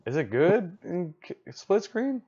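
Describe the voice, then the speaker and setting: A man's voice: sits high, sing-song, unhurried, warm tone, slightly rough, highs cut off. Blunt middle-aged man, swearing casually. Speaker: podcast co-host. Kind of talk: casual chat.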